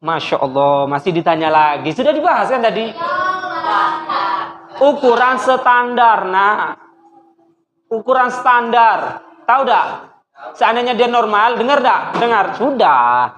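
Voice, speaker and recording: A male teacher giving a classroom lesson, lively and teasing, quizzing his students and mimicking their questions. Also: high-pitched, moderate pace, dull audio. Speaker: religious studies teacher. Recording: echoey classroom with faint noise.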